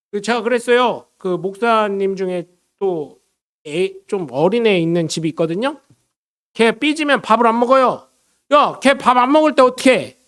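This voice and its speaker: A man, a pastor, preaching a lively sermon and often calling out questions to his congregation. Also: high voice. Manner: switches between solemn blessing and chatty storytelling.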